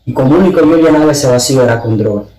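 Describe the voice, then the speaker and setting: A man's voice: mid-range voice, rapid-fire, warm tone. A man giving an earnest, fervent testimony as a podcast guest, his voice climbing when he is moved. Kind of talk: emotional testimony. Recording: echoey room.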